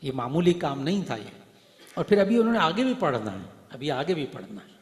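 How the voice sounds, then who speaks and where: A middle-aged male preacher with a fairly high voice, speaking in a long-echoing hall. He tells stories and acts out the dialogue, dropping to a hush, then rising to full force. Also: very animated. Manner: storytelling, acts out dialogue, swings from soft to loud. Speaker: Islamic preacher and hadith teacher. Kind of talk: Urdu religious speech to a gathering. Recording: echoey hall, voice through speakers.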